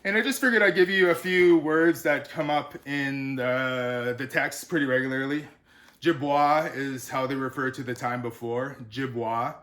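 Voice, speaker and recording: A male author giving a relaxed, unscripted pronunciation lesson, sounding out words syllable by syllable between frequent fillers. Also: mid-range voice, normal speed.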